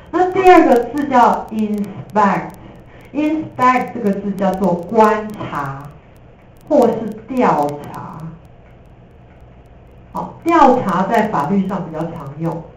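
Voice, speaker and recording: A woman teacher with a Taiwanese Mandarin accent gives a lively, jokey classroom lecture, slipping in English terms. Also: mid-range voice. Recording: echoey room from a distance.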